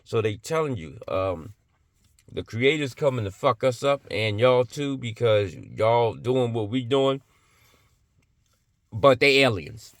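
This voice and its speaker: A man's voice: medium pitch, fairly bright tone, dry recording, studio quality. A man giving an impassioned religious monologue, emphatic and blunt, firing off rhetorical questions and swearing freely.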